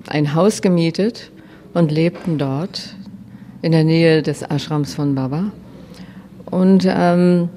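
Low-voiced woman telling a personal story. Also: slight background noise. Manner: lively, animated retelling with frequent hesitation fillers. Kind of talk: personal anecdote told to listeners.

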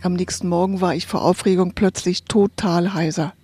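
A radio host reading an earnest, scripted narration in a soft voice. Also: medium pitch, steady tone, normal speed, breathy edge, dry recording, soft background music.

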